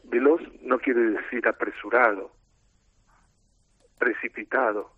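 Speaking on a tinny phone line for a radio interview, a middle-aged team coach with an Argentine accent explains his thinking in a deliberate, lecture-like way. His voice sits at medium pitch with a steady tone and a slight roughness, with no echo.

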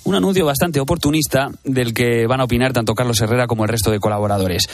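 A man previewing the morning's news on the radio in a brisk, informative way. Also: mid-range voice, dry recording.

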